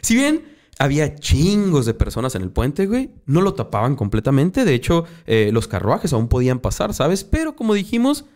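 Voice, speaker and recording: A man's voice: on the high side, wildly swooping pitch, moderate pace, a little mellow. A man with a Mexican accent telling a story as a podcast host in casual, slangy talk full of swearing.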